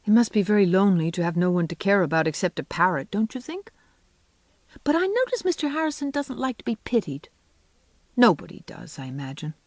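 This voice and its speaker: A reader voicing an imaginative, talkative young woman in an audiobook, speaking in a wistful, gushing way with lifted pitch. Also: very animated, fairly quick, a little mellow, no room sound. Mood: dreamy, eager. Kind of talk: audiobook character voice.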